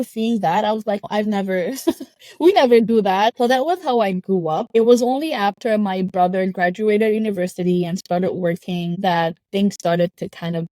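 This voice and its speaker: A young woman from Lebanon talks through her upbringing in a reflective, casual way, often breaking into a quick laugh. Her voice is mellow and warm, recorded dry and close. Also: mid-range voice, dry recording. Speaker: guest. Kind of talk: casual interview chat. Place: home.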